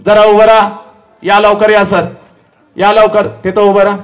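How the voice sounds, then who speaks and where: A man giving an impassioned public lecture to a live audience. He shouts, pleads and scolds his listeners directly. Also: sits high, little pitch movement, measured pace. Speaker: public speaker addressing an audience. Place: live event before an audience.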